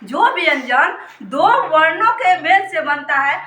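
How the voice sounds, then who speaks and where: A woman teaches children a grammar lesson, asking questions and then answering them herself while repeating the key terms. Her voice sits high, and the echoey room adds a hollow ring. She sounds set back from the microphone. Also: animated, takes it slowly, bright, forceful tone, far from the mic.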